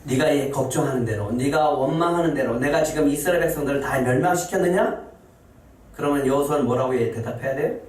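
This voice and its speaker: Male pastor preaching a sermon, a little higher than most men, asking the congregation questions; heavy sanctuary echo, heard from a distance. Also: fast. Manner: rising to high emphatic pitch when voicing scripture quotes; asks the congregation questions, then answers them. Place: church sanctuary. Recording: very echoey, distant, faint hiss.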